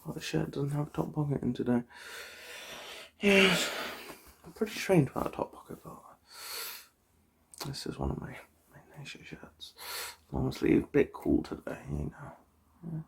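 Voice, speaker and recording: An ASMR performer playing an eye doctor does an eye exam roleplay, speaking softly and often whispering close to the microphone. The mid-range voice has vocal fry and slight roughness, and the gentle, polite bedside chatter never hurries.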